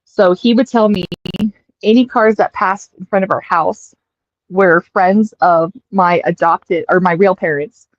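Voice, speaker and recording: A woman's voice: lowish voice, a little slow, no room sound. American woman, 30s, casual streamer storyteller, acts out quotes; lo-fi, dry close mic. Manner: chatty, animated anecdote telling with acted-out quotes.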